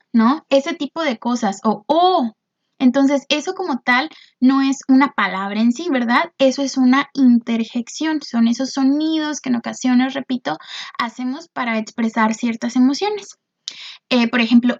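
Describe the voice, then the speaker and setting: A woman teacher explaining a video lesson patiently, often checking with "¿no?" and filling pauses with "este". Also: a little high, lo-fi sound. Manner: frequent "este" fillers.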